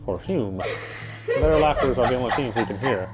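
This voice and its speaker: A man, a game player, reads a horror game's story text aloud as dramatic narration, occasionally stumbling and rereading phrases. His voice is medium-pitched and animated at a moderate pace, with game music behind him.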